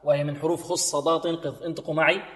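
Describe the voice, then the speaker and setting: A male Quran recitation teacher giving a tajweed lesson, explaining rules, asking questions and slowly drawing out verses to demonstrate. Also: a little high, flat delivery, fairly bright tone. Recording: echoey room with long reverb.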